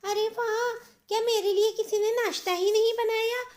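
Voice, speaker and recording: A woman voicing a spoiled, sulky young married daughter who complains in a whiny, shrill way. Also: steady tone, normal speed, a little mellow. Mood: petulant angry.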